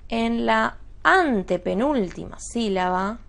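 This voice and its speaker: A woman teacher giving a spoken grammar lesson, explaining step by step and checking understanding with quick questions. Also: fairly high pitch, expressive, creaky, a bit bright.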